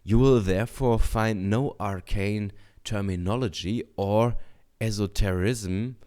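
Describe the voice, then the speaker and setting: Guy reading a book out loud, slow and careful, dark mellow voice. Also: on the low side. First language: German. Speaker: teacher. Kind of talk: reading a book aloud with commentary.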